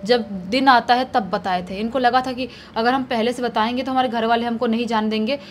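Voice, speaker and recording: A woman retelling a spooky story in a conversational, animated way, as narrator of a horror story channel. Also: a little high, fairly quick, slight background noise. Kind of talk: casual spoken horror storytelling.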